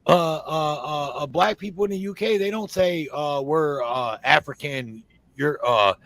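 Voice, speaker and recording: A man's voice: on the high side, a little slow, fairly bright tone, dry recording. A man from Ohio, talking bluntly in a casual group chat, swearing and using lots of fillers. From Toledo, Ohio, USA. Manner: blunt and profane, many fillers.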